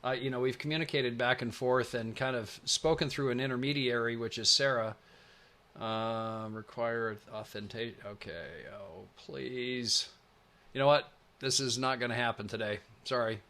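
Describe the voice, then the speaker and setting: A man's voice: mid-range voice, steady tone, normal speed, bright, forceful tone. A man hosting a live online presentation on a video call, chatty and enthusiastic, rambling with fillers. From Pacific Northwest United States. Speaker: webinar host.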